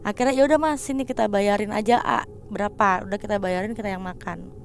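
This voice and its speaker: A young woman, a guest in a casual chat, tells a ghost story with lively energy, quick pace and a mid-range voice. She acts out the people she quotes in altered voices and mixes slang with English words, over slight background noise.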